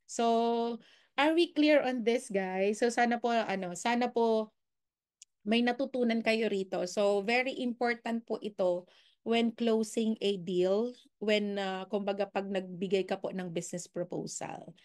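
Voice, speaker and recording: A woman from the Philippines giving a casual sales coaching talk that mixes Filipino and English, often checking in with her listeners through quick tag questions. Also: medium pitch, darkish tone.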